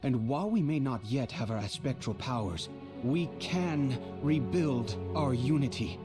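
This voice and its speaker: A man's voice: medium pitch, expressive, close to an everyday voice. Man as noble dragon leader, sweeping intonation. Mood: rallying, resolute. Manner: stirring, deliberate, formal. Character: earnest, noble male dragon leader, rallying allies. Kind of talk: fantasy game voice acting. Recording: loud music behind game dialogue.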